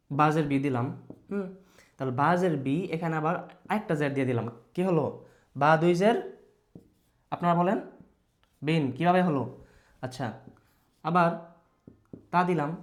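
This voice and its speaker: A male teacher giving a patient children's reading lesson, asking questions, answering them himself and mixing in English words. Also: a little high. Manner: mixes English words into his speech.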